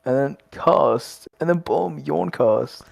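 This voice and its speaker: A man's voice: a little high, slow pace, vocal fry, no echo. A young Australian man co-hosting a casual late-night podcast, rambling and joking with frequent laughs. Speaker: podcast co-host.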